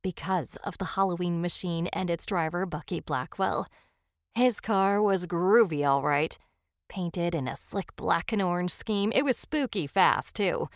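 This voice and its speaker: In a dry, studio-quality recording, a woman with a lowish voice speaks at a measured pace as a chatty small-town father. He rambles folksily, reminiscing about his old racing days.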